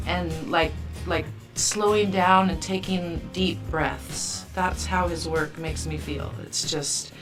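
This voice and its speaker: A woman stylist speaking softly and reflectively in an interview confessional, filling with "like". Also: fairly low pitch, steady tone, slow pace, hardly any pauses. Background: music.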